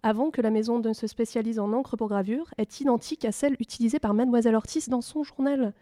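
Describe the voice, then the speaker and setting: Higher-voiced woman with precise, detailed exposition. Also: fairly even intonation, fast, mellow, no echo, studio quality. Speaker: expert guest. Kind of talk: mock-documentary exposition.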